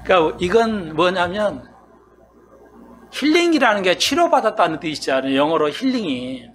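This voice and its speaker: High-pitched male pastor, chatty sermon delivery, quizzes the congregation and acts out their objections. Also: sing-song, moderate pace, fairly bright tone. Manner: conversational, asks the congregation questions and acts out their replies. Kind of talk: expository sermon.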